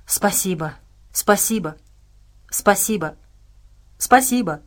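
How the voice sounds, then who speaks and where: A woman voicing a gentle male alien creature with several arms, speaking earnestly in an audiobook. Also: medium pitch, lively intonation, slow. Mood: grateful.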